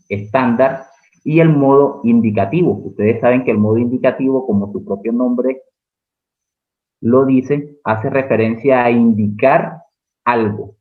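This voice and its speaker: A male teacher with a Colombian accent giving an exam-prep lecture, explaining step by step and asking the class rhetorical questions. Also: mid-range voice. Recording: narrow phone-like audio.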